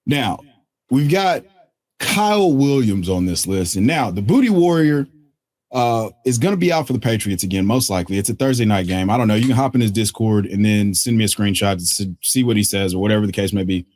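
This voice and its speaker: A man hosting a casual fantasy football waiver breakdown, excitable and joking, correcting himself on the fly. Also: fairly low pitch. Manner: excitable, joking asides, quick self-corrections. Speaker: fantasy football analyst host. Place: at a desk indoors.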